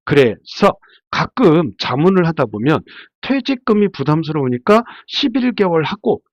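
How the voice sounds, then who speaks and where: This man's fairly high voice is very animated and moves at a normal speed as he presents a relaxed slide lecture on labor law, explaining as he goes and answering questions he raises himself. He has a head cold that makes him sound congested, stuffy, and nasal. It's a dry recording with a dull, muffled lo-fi quality.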